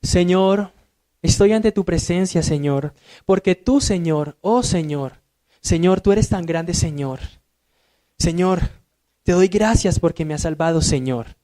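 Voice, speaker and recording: A man acting out a fervent worshipper who prays in empty, endlessly repeated phrases, in his own high voice. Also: unhurried, mellow. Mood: fervent, droning. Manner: repeats the same address over and over.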